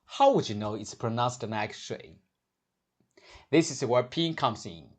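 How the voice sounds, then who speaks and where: A man teaching a scripted lesson on Mandarin pronunciation, speaking in a measured way and sounding out each syllable slowly and clearly. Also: mid-range voice.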